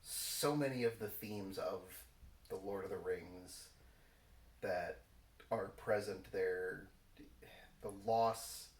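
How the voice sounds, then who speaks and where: A man chatting casually in an informal Q&A, rambling and halting as he talks. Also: sits low. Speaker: co-host of a casual Q&A video. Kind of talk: casual Q&A chat. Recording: roomy echo, distant microphone.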